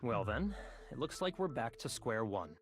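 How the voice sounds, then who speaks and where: A man's voice: medium pitch, big pitch swings, normal speed. A man voicing a haughty, impatient young male student in an anime mystery video game.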